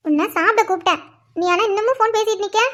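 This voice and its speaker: Woman doing Amritha, a shrill young cartoon wife. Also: fast, fairly bright tone. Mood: scolding. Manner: scolding, grumbling to herself. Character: young wife, fussy and teasing. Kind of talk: cartoon voice acting.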